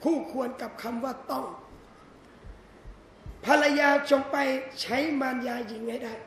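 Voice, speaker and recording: A man giving a lively, joking Islamic lecture to an audience in a hall. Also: very high voice, unhurried, gravelly, a little hiss or hum. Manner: animated, joking, addresses audience as brothers and sisters. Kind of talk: lively religious lecture on marriage. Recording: echoey hall with faint ambience.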